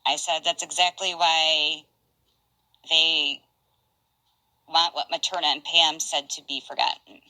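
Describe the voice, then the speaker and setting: An older woman casually chatting on a stream, reading out messages in a halting, rambling way. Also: sits low, little pitch movement, pushed and bright, no echo, rough recording. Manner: rambling, halting, restarts and asides.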